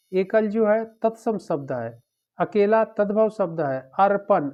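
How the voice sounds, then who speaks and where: A man teaching an exam-prep lecture, drilling through word pairs one after another in a steady, repetitive way. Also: sits high. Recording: dull lo-fi recording.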